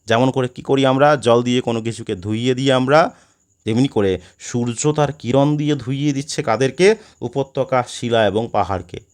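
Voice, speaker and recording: A man's voice: medium pitch, moderate pace. A man teaching a poem with a Bengali accent, asking questions and then answering them himself, often restarting words. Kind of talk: poetry lesson explanation.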